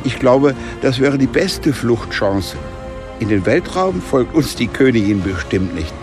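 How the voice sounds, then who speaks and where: A man's voice: mid-range voice, animated, a little slow, music in the background, voice pushed up. A man voicing an urgent, eager teenage boy who leads an adventure in a storybook. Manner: raised, eager, pushy.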